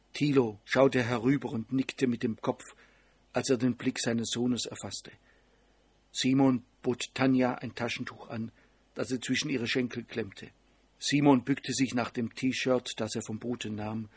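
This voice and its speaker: A man narrating an audiobook in a steady, even storytelling manner. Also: mid-range voice, slightly rough, no echo.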